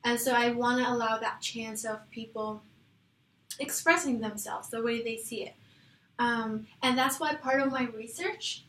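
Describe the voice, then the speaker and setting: A woman's voice: fairly high pitch, fairly even intonation, unhurried, a bit bright. Young woman from Iraq, hesitant. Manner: hesitant, with fillers and self-corrections. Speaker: student presenting a research proposal. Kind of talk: casual class discussion. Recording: echoey room with faint noise.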